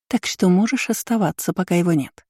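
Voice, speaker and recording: A woman voicing a scheming, seductive stepmother in an audiobook story, lifting her voice higher and coy. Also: brisk, dark tone, slightly rough, no echo, studio quality.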